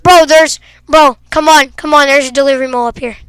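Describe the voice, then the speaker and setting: A young woman with a high, bright voice gives goofy, teasing commentary while she plays a game. She jokes with her teammates and now and then bursts into excited shouts. The sound is close and dry, with no room around it. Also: fairly quick, no echo. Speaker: gaming video creator. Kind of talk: playful gameplay commentary.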